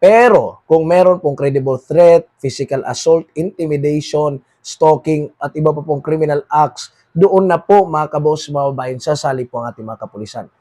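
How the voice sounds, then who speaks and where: A man's voice: on the high side, normal speed. Filipino man hosting political commentary. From Philippines. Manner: switches between read English and Tagalog, repeats "mga kaboses, mga kababayan"; trails off quieter at phrase ends.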